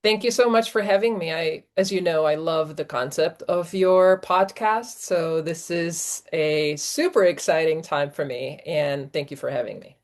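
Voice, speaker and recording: A woman who grew up in Czechoslovakia speaks as a podcast guest. She talks slowly and thoughtfully, and her voice sits a little low. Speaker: guest, executive coach and professor. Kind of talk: reflective interview talk.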